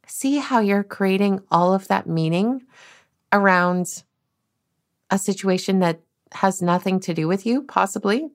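A woman's voice: mid-range voice, measured pace. A woman hosting a solo self-help podcast, talking earnestly and casually, often repeating and restarting her words. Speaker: podcast host.

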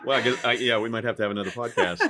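A man's voice: mid-range voice, very fast, bright, forceful tone. A man hosting an interview, asking short prompting questions, a little distant from the microphone. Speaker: host. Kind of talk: conversational interview.

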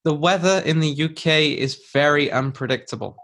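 A man's voice: on the high side, normal speed, a bit bright. A man hosting an English-learning podcast, explaining in simple, conversational language and rephrasing for a learner. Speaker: podcast host and English teacher.

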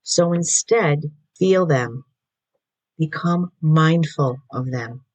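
Raspy-voiced woman hosting a mindfulness podcast. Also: low voice. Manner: calm, slow guided breathing instructions. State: voice going in and out from allergies. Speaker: podcast host. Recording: echoey room.

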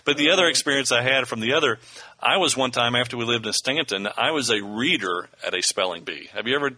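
A man's voice: medium pitch, quick pace, sharp tone, rough recording. A man co-hosting a casual podcast chat, rambling through stories and drifting off topic. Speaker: co-host.

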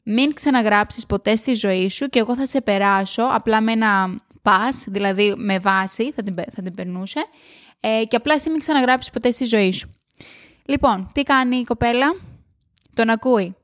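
A woman hosting a motivational podcast at home, talking loudly and emphatically with excitement. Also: on the high side. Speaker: podcast host. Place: at home alone.

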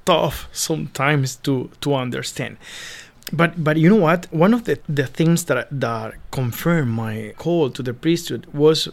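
A man's voice: medium pitch, creaky. A young man from Venezuela with a Spanish accent, a seminarian guest telling his story earnestly in a casual interview, often repeating words as he searches for them.

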